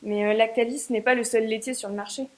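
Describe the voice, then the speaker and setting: A woman's voice: on the high side, steady tone, fast talker, a little mellow. A French woman working as an interviewer, giving an introduction and asking prepared questions.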